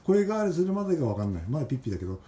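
A man talking casually to the camera about his pet pigeon, switching to rough, coaxing talk when he speaks to the bird. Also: a little high, big pitch swings, rapid-fire, dark tone. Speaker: pigeon keeper.

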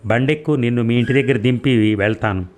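A man voicing a younger brother who speaks in a steady, reasoning way in an audio story. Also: mid-range voice, a little fast, a little hiss or hum, lightly acted. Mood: firm.

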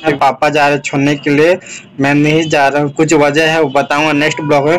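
A man's voice: fairly high pitch, low-quality recording. A young man chatting casually to his vlog camera in a wistful, reflective way. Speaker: vlogger.

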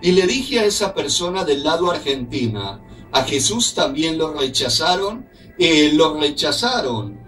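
A man's voice: on the high side, very animated, a little slow, a bit bright, soft background music. Middle-aged man hosting a radio show from a small studio, earnest and indignant, a little far from the mic. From Colombia. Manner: earnest, indignant, speaks as a compatriot. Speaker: radio host. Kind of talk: radio talk show, reading a letter aloud. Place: small office studio with a desk.

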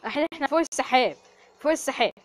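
Excitable high-voiced Egyptian woman gamer. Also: racing. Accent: Egyptian Arabic. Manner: excitable, frequent exclamations and prayers under pressure. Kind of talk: excited gameplay commentary.

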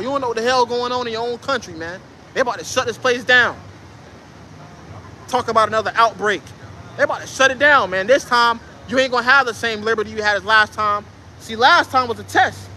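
A man street preaching outdoors in a very high, piercing, tense voice, blunt and profane, tagging his lines with "man" and "bro." He slows right down when he reads scripture. Faint traffic hums behind him. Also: sharp tone. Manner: confrontational, profane, emphatic; reads scripture aloud slowly.

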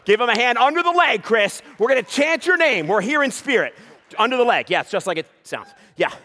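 A man's voice: very high-pitched, big pitch swings, a little fast, bright, forceful tone, a little hiss or hum. A man performing a live comedy juggling act, teasing a volunteer in playful banter and hyping the crowd. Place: live stage before an audience.

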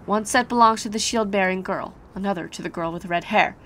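A woman's voice: mid-range voice, a little fast, fairly bright tone, slight background noise. A woman doing a let's play, reading game story text aloud dramatically and adding casual reactions.

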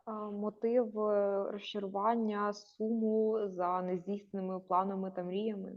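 A woman answering a teacher's questions in class, hesitant and pausing often. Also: mid-range voice, level tone. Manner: hesitant, many pauses and fillers. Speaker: student. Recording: dull lo-fi sound.

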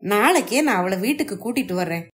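A woman voicing a smooth-talking, scheming young husband in a read-aloud family story, in a coaxing, falsely gentle manner. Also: medium pitch, animated, brisk, natural voice. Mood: placating.

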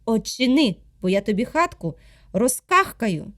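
Pushy storybook drake, high and loud, quacky and demanding, a woman reader voicing him. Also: big pitch swings, a little slow. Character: noisy pushy male drake.

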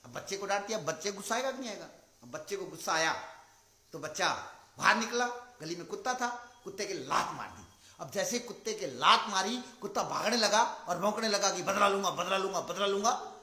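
A man's voice: high voice, expressive, a little fast, sharp tone, roomy sound. A man giving a motivational talk, telling a story and repeating his points with rhetorical questions. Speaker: motivational speaker.

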